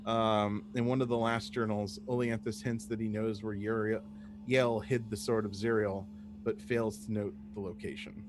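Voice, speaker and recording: A man's voice: on the low side, flat delivery, moderate pace. Male game master over a noisy hum. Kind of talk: narrating a tabletop game.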